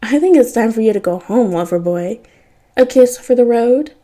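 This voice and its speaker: A woman's voice: fairly high pitch, lively intonation, normal speed, dark tone, lightly acted. A woman reading fan fiction aloud, voicing a jumpy, joking young male speedster.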